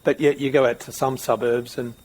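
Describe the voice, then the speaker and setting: A middle-aged man hosts a casual podcast interview, rambling and thinking aloud. His medium-pitched, darkish voice is flat and a little fast, and the recording quality is low.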